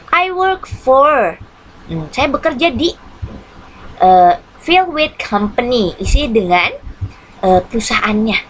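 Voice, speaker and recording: A woman teacher with an Indonesian accent talks slowly and patiently through an online English lesson, saying each phrase in English and then in Indonesian. She often pauses on a drawn-out hmm. Her pitch is mid-range for a woman, with a faint hiss behind her. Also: fairly bright tone, rough recording. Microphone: computer mic on a screen-shared video lesson.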